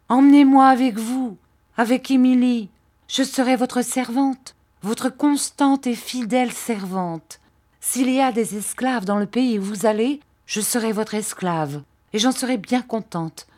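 A woman's voice: mid-range voice, a little mellow, natural voice. A tearful, imploring aging widow, as a woman reader puts her on. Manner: imploring, emotional.

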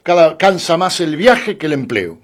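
A man reading a timid, nervous young woman on a bus, speaking softly and hesitantly. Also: fairly high pitch, very animated, normal speed, pitched above the performer's own voice. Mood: timid, uneasy. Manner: soft, hesitant, apologetic.

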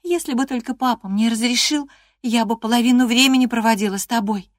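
A woman's voice: fairly high pitch, brisk, no room sound, clean studio sound, pitched above the performer's own voice, close to an everyday voice. A woman reading an audiobook voices a spirited, stubborn teenage girl with a vehement, indignant manner. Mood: pleading.

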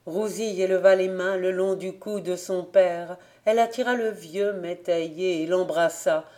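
A woman reading a classic novel aloud as a volunteer audiobook narrator, in a measured, gentle manner. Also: fairly low pitch, fairly even intonation. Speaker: audiobook reader.

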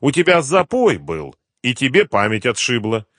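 A man voicing a cruel, mocking male gang boss who bullies and interrogates, raised well above his own deep voice. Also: sing-song, unhurried, fairly bright tone, dry recording, clean studio sound, heavily acted. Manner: sneering, bullying interrogation.

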